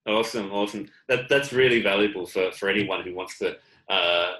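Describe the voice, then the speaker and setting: A man's voice: on the low side, brisk, bright, forceful tone, roomy sound, rough recording. A man hosting a podcast interview, asking rambling questions with many restarts and backing the guest with frequent agreement. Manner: hesitant, many fillers and restarts, affirming. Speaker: podcast host.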